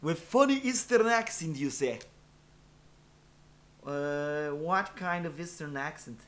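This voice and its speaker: Brief: a casual male streamer, unhurried and a bit high, self-deprecating with lots of fillers. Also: animated, fairly bright tone. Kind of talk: casual live-stream chat.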